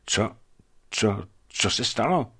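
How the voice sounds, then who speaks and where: A man voicing a dazed, wounded male geologist who speaks slowly and in confusion. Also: fairly low pitch, expressive, a bit bright, slightly rough, exaggerated voice. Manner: slow, bewildered. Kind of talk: audiobook character voice.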